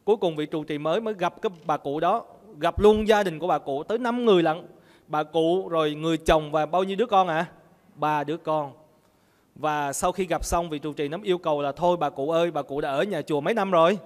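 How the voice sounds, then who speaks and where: Male Buddhist preacher, fairly high voice, call-and-response sermon, reverberant hall. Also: a little fast. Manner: asks the audience questions and answers them himself.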